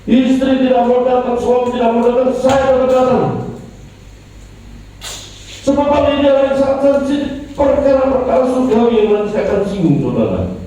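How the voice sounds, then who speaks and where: A man with an Indonesian accent, a pastor preaching a sermon, moving between soft low asides and raised emphatic lines. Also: lively intonation, normal speed, slight background noise. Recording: echoey, distant, dull church livestream.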